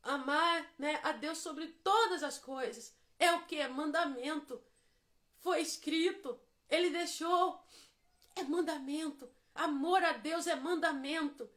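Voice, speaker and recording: A Brazilian woman preaching a devotional sermon. She builds to fervent, sing-song shouting in prayer. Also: high-pitched. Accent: Brazilian Portuguese.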